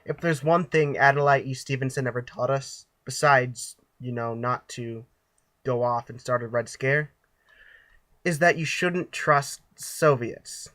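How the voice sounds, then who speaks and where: A man's voice: mid-range voice, measured pace, a bit bright. A young man narrating a student skit in an offhand, rambling way.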